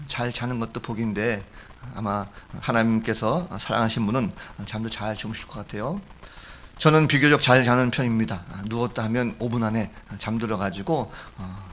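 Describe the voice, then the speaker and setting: A man's voice: medium pitch, fairly bright tone, a little hiss or hum. A middle-aged male pastor preaching a sermon in a church, telling humorous stories and acting out the voices of the people in them. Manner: storytelling with jokes, acting out quoted voices. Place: church sanctuary.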